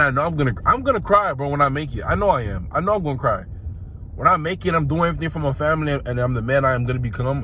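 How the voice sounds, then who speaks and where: A man's voice: medium pitch, a little hiss or hum. Young man vlogging casually from a car. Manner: slangy, talks to viewers as "bro" and "y'all"; rambling with many restarts. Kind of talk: casual vlog monologue. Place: car, on the road.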